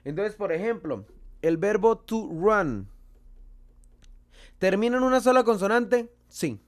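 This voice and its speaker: A man with a Colombian Spanish accent teaching a lesson, slow and deliberate, asking and answering his own questions. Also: high voice, animated. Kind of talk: explaining a lesson.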